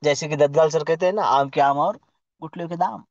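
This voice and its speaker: Speaking at an online business community meeting, a man with a fairly high voice delivers a formal, effusive motivational address, piling on praise and posing rhetorical questions at a fairly quick clip. The audio is dull and lo-fi, completely dry with no room echo.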